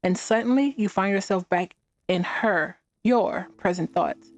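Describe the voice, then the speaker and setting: A woman reading a fantasy game's text aloud during a let's play, with halting restarts and short reactions of her own. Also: mid-range voice, no room sound.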